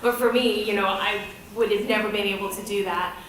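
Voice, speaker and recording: This guest presenter, an American in her thirties raised in Boston, talks candidly and conversationally about her life from a podium in a very echoey event hall. Her mid-range voice is a bit bright and fairly even, her pace fairly quick, and the distant mic catches slight background noise.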